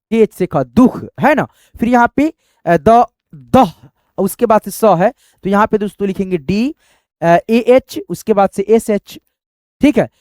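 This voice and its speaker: A man's voice: high-pitched, a little mellow, no echo, studio quality. A man teaching a spoken lesson, patiently spelling out letters one by one.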